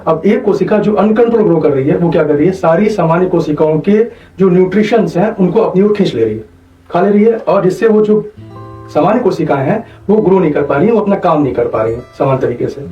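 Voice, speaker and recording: As an interview guest, a man explains medical topics in a teaching manner, repeating points and checking he's understood. His warm, fairly high voice is expressive and quick. The recording is dull and echoey, with a distant mic and faint music in the background.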